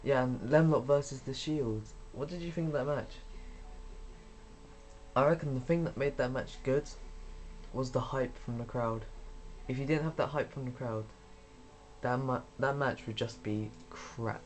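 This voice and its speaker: A man's voice: medium pitch, unhurried. A young man giving rambling, casual commentary while playing a video game, swearing when things go wrong. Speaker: gaming YouTuber.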